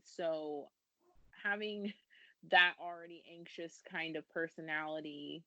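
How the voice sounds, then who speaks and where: A thirties American woman who founded a business speaks low and slowly, her intonation fairly even and her tone sharp. She's earnest and self-deprecating in a casual podcast interview, laughing now and then as she talks. The recording is dry and lo-fi.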